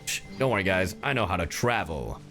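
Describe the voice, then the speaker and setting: This livestreamer, a professional voice actor, jokes and swears casually as he reacts to his game, with faint game music in the background. His low voice is sing-song, brisk and creaky, sounding pushed and bright.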